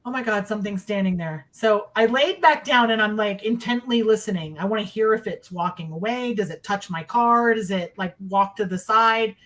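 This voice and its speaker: A woman's voice: mid-range voice, moderate pace, few pauses, fairly bright tone. Middle-aged woman telling a personal story. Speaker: guest recounting sightings. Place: indoors in a dim room, on a video call.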